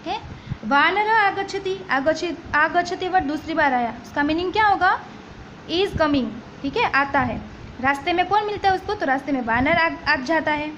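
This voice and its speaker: A woman's voice: high-pitched, fairly bright tone. A woman teacher explaining a textbook story line by line, mixing languages and often checking with "ठीक है?". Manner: switches between languages, repeats and checks "ठीक है?". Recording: dull lo-fi recording with faint noise.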